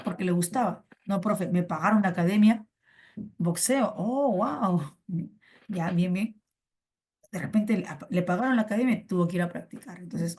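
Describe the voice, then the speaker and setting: Playful woman teaching online class. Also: mid-range voice. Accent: Peruvian Spanish. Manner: playful, coaxing, repeats phrases warmly.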